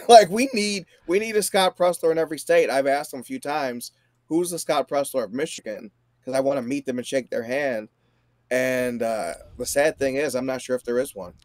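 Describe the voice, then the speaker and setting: A man in his forties, a guest, talking in an animated, emphatic way. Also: mid-range voice, normal speed, no room sound. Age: 40s. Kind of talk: casual chat.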